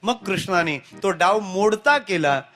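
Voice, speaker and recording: Brief: male preacher, lively devotional storyteller, high bright voice, soft music underneath. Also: a little slow. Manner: lively storyteller, acts out characters. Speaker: kirtan preacher.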